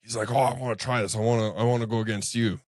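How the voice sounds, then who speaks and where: A man's voice: mid-range voice, racing, no echo, clean studio sound. A man co-hosting a podcast, a martial arts coach who tells stories casually, acting out what people said and swearing loosely. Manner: animated storyteller, acts out quoted voices, swears casually. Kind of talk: casual storytelling chat.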